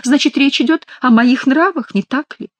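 A woman's voice: medium pitch, big pitch swings, a little fast, no echo, highs cut off. A woman voicing a sly male court jester who mocks and nasally mimics the king. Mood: whining mimicry. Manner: mocking, mimics the king's nasal whine.

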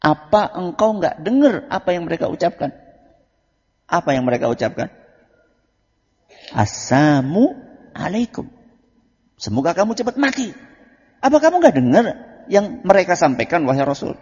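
Animated male preacher in an echoing hall. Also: on the high side, normal speed, long pauses, husky. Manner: animated, asks the audience questions and answers himself. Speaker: Islamic preacher. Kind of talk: lively sermon. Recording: lo-fi recording in a large echoing hall.

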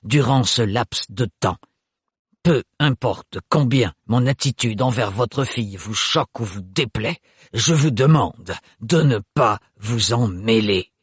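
A man voicing a cold, blunt young man who speaks in a flat, neutral tone, from a storybook audiobook. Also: mid-range voice, slightly rough, no room sound, clean studio sound, heavily acted. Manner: flat, neutral, unhurried delivery.

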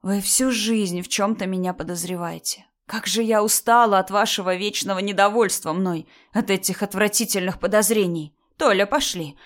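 A woman's voice: mid-range voice, normal speed, few pauses, natural voice. Woman voicing a stern young mother. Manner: stern, firm. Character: firm young mother standing her ground.

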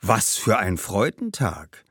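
A man voicing the boastful ghost of an old warrior ancestor, speaking slowly and indignantly in a storybook. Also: very animated, no room sound, clean studio sound. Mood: gleeful. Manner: slow, booming and indignant.

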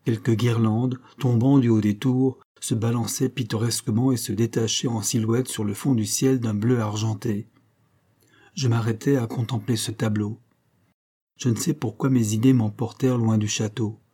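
A man reading a classic story aloud in a measured, even narrating manner. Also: medium pitch, husky. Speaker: audiobook reader. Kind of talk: scripted literary narration.

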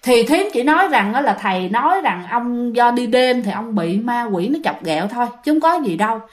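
A woman's voice: a little high, very animated, brisk. A woman with a Southern Vietnamese accent, casually retelling a ghost story and chatting directly to her listeners.

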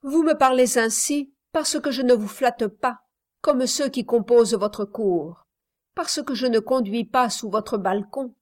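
A woman's voice: a little high, a little slow, lightly acted. A woman reading the part of a blunt young man who speaks plainly and mockingly. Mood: mocking frankness.

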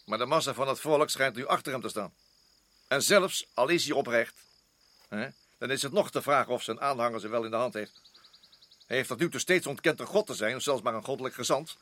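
The same role again: a hard-nosed, anxious garrison officer in a radio play, pressing his points emphatically and often saying things twice. The male mid-range delivery is brisk, pushed and bright yet close to an everyday voice, coming across as sceptical and urgent.

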